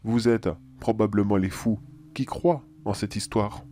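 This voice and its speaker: A man playing a calm, philosophical cannibal anomaly in a horror audio drama, measured and politely menacing. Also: lowish voice, slight background noise, close to an everyday voice.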